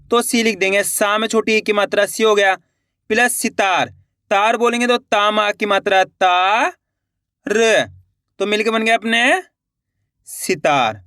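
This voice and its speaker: A man teaching spelling slowly and patiently, asking the viewer questions, repeating each word and dropping low as he finishes it. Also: pushed and bright, no echo, clean studio sound. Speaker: Hindi writing teacher. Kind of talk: slow, patient spelling lesson.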